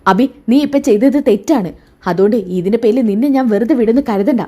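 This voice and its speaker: Brief: woman reading a firm, reproachful young heroine in a serial recap, raised slightly, slower lines. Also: on the high side, warm tone, lightly acted. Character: protective young woman defending a child.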